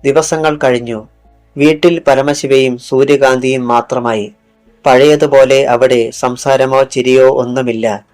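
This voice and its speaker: A man's voice: medium pitch, a little mellow. A man reading a thriller audiobook in scripted narration, dropping his voice for quoted lines. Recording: faint music underneath.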